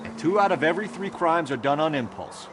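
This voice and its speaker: A man's voice: fairly high pitch, animated, quick pace, heavy background noise, natural voice. An actor playing an eager young male uniformed police officer in a crime video game, with a lecturing manner.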